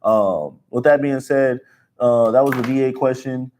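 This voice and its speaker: A man in his twenties co-hosting a livestream, giving business advice in casual, energetic talk and calling people bro. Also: medium pitch, a little slow, a little hiss or hum. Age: 20s. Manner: energetic, slangy, calls listeners bro. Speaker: livestream co-host.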